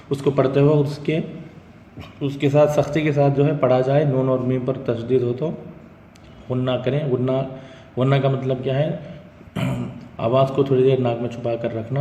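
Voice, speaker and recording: A man teaching a Quran recitation lesson, explaining the rules slowly and drilling syllables aloud again and again. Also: mid-range voice, mellow. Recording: echoey room with long reverb, faint hiss.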